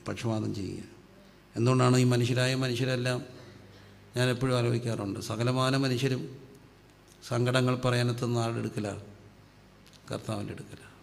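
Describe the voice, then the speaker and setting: A man from preaches, his voice gravelly and held in a flat, narrow pitch. He asks questions and answers them himself, bringing his voice down on each answer. The sound carries a long hall reverb over faint background noise. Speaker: pastor. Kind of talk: sermon.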